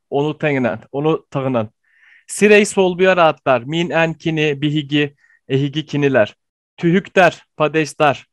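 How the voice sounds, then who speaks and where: A man giving an online language lesson, explaining slowly with frequent pauses and fillers. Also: fairly high pitch, no room sound. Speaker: language teacher.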